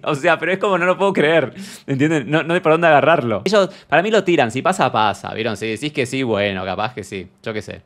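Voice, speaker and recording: A man's voice: mid-range voice, close to an everyday voice. A man with an Argentine accent playing a fussy, dramatic young woman on a stream, ranting in exasperation and acting out both sides of her chats. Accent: Argentine Spanish. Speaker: streamer in character. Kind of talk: comic character monologue on stream.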